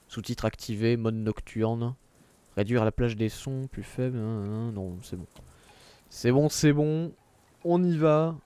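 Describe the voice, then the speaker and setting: A man's voice: medium pitch, warm tone, no room sound. A man streaming a video game, chatting casually and reading menus and game text aloud, with self-mocking asides. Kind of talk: casual gameplay commentary.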